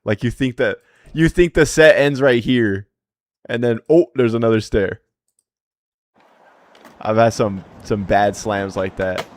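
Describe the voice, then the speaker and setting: A young American man with a slightly low voice, reacting casually as he talks. He sounds like a laid-back frat bro, loose and slangy, with easy swearing and plenty of bro and dude. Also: unhurried, long pauses, no echo. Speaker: host reacting to viewer-submitted skateboarding clips.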